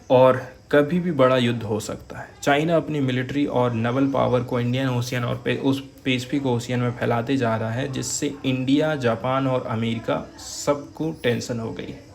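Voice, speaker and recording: A man's voice: mid-range voice, gravelly, a little hiss or hum. A man giving an editorial analysis lecture for exam students, explaining each term with examples and addressing viewers as friends. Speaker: exam coaching teacher.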